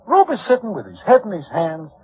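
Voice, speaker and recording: A man's voice: high voice, very animated, fairly quick, a little hiss or hum. An actor playing a wry Broadway guy, telling tales in formal slangy diction in 1940s radio style. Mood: wry storytelling. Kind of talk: 1940s radio acting, first-person narration. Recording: dull old radio recording.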